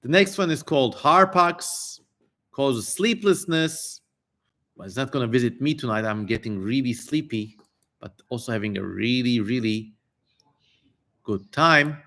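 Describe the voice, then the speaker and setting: He keeps a measured pace, his mid-range voice bright and forceful. The streamer delivers an ancient text dramatically to his live audience, relishing the bizarre names and adding loose, irreverent, sweary commentary.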